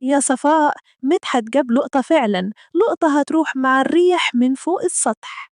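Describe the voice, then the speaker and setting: A woman voicing a loud, mocking middle-aged female neighbor with an Egyptian accent. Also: brisk, no room sound, studio quality, close to an everyday voice. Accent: Egyptian Arabic. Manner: shrill, mocking, exclaiming.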